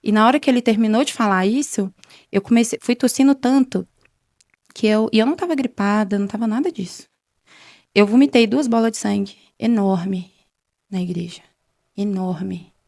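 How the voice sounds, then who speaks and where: A young adult woman talks through her personal testimony as an interview guest. She tells it conversationally, acting out the quoted exchanges in between. Her voice has a gravelly, fry-tinged texture, and the sound is dry and close with no room echo. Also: mid-range voice, moderate pace, a little mellow. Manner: retells events with many quoted exchanges in a conversational way. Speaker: guest sharing a faith testimony.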